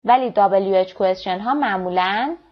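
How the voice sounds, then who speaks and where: A woman teaching an English lesson. She reads the English example lines slowly and clearly, then explains them quickly in her own language. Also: medium pitch. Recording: dull lo-fi recording.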